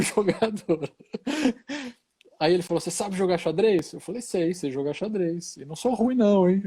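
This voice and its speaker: A man's voice: high voice, mellow, breathy edge. A middle-aged Brazilian man, a hospital chaplain, telling a story in an easygoing, casual conversation and tagging many phrases with short questions.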